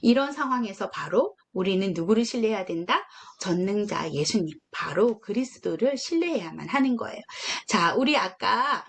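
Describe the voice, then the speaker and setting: A woman's voice: medium pitch, moderate pace, few pauses, husky. A young woman preaching a children's sermon, storytelling and asking the kids questions. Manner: storytelling, acts out dialogue with lively voices.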